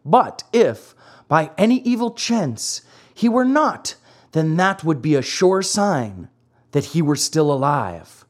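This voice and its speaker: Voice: medium pitch, big pitch swings, takes it slowly. A reader playing a pompous, solemn crow doctor.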